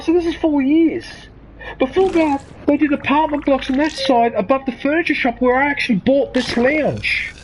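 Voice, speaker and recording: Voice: high-pitched, slight background noise, poor audio. A streamer from Sydney chatting and ranting with swearing during a live game stream, heard as livestream headset audio. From Sydney, Australia. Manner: rambling, ranting, swears freely then apologizes. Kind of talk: live gaming stream chat. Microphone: headset mic.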